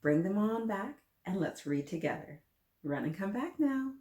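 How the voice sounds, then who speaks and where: In a very noisy recording with a roomy, echoing sound, a woman with a mid-range, sing-song voice speaks at a moderate pace. She hosts story time for young children, reading aloud and cheering them on with simple questions put directly to them.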